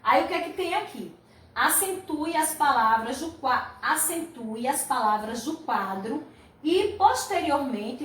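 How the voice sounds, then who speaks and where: High-voiced woman teacher in an echoey room. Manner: patient, slow and drawn-out, praising pupils. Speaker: primary school teacher. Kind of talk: classroom lesson correcting workbook exercises. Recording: echoey room, mic at a distance.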